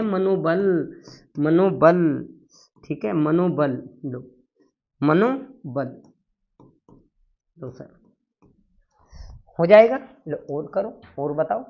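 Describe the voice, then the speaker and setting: A man's voice: high voice, vocal fry, dull audio. A man teaching a Sanskrit grammar lesson, drilling the class with repeated questions and answers.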